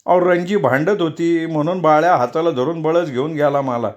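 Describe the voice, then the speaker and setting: A man's voice: on the high side, steady tone, normal speed, muffled recording, pitched above the performer's own voice, lightly acted. A man voicing an aggrieved, grumbling older village man who keeps donkeys, in a storybook reading. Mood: complaining. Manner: complaining, aggrieved.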